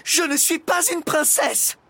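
A man's voice: high voice, animated, moderate pace, husky, voice pushed up. A man voicing an exasperated adult woman schoolteacher in a storybook reading. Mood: indignant. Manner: indignant, exasperated.

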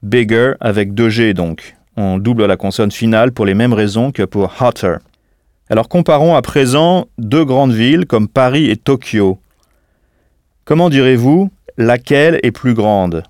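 A man teaching as a language tutor in a scripted audio lesson, speaking slowly and spelling words out letter by letter. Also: medium pitch, darkish tone, dry recording, studio quality.

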